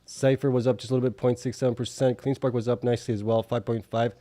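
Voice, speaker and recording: A man's voice: medium pitch, flat delivery, fast talker, dark tone, a little hiss or hum. A man hosting a casual stock market recap, reading out figures informally with offhand asides, slightly affected by allergies. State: allergies, with coughing and sniffles. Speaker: host of a stock market video show.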